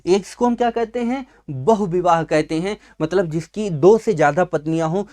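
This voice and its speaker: A male teacher with a high-sitting, mellow voice gives an exam-prep vocabulary lesson at a writing board in a class video, speaking at a moderate pace. He poses questions and answers them himself, repeats key words, and addresses his students fondly.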